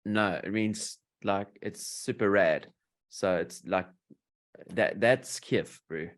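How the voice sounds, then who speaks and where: A man's voice: sits low, takes it slowly. A man with a South African English accent hosting a casual interview, playfully teaching slang. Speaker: host.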